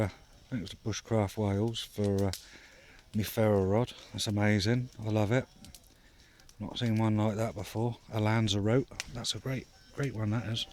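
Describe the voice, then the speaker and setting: A bushcraft vlogger talks from his hammock at a nighttime camp in a fairly low, darkish voice, with a slight hiss or hum in the audio. The outdoor chat is casual, packed with fillers and joking around.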